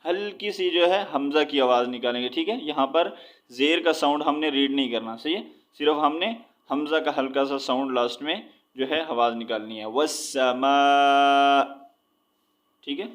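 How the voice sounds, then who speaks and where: A man teaching Quran reading, spelling out letters and drawing words out slowly between explanations. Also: a little high, fairly bright tone. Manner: drawn-out recitation of words, explaining with repeated checks. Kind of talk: slow spelled-out recitation lesson.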